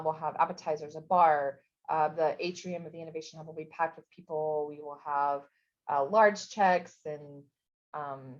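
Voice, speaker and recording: A woman explains a program in a recorded info session, in a relaxed, conversational way. She often restarts her sentences and fills the gaps with ums. Her voice sits a little low, and the recording sounds dull and lo-fi. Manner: casual, conversational, with many fillers and restarts. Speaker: program coordinator.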